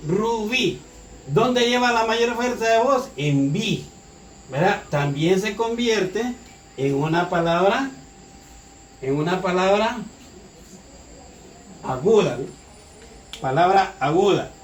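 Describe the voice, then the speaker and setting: A man teaching a recorded grammar lesson, asking questions and answering them himself, repeating key words slowly. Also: sits high, animated. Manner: slow, repetitive, asks and answers his own questions. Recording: roomy, distant mic, faint noise.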